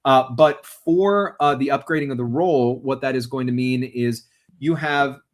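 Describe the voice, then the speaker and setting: Man, game master, stream host, upbeat, explains rules, mid pitch. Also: normal speed. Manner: upbeat, explanatory, talks to chat directly. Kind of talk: livestreamed tabletop game introduction.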